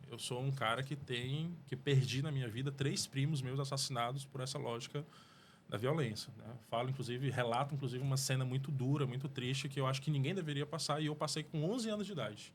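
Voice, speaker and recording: A man's voice: mid-range voice, brisk. Man, Cearense accent, earnest rambling interview guest, faint background noise. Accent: Cearense Portuguese. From Fortaleza, Brazil. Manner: earnest, rambling with restarts and frequent "né?". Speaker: mayoral pre-candidate guest. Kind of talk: studio interview answers. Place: podcast studio.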